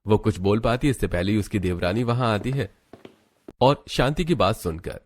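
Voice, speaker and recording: A man narrating a cartoon story in a steady, plain storytelling manner. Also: fairly low pitch, normal speed.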